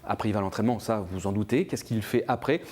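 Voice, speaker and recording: A man hosting a TV football talk show in the studio, presenting the segments in a brisk, upbeat way. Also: fairly low pitch, a little mellow. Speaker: host. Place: TV studio set.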